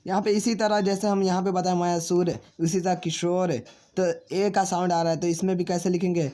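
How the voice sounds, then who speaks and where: Sitting high in pitch with little movement and a dark tone, his voice guides a spelling lesson. He calls viewers friends, answers the questions he asks, and spells names out slowly letter by letter.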